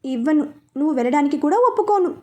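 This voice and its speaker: A woman's voice: high voice, lively intonation, quick pace, darkish tone. A woman voicing a young man who is a playful, bossy husband. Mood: teasing.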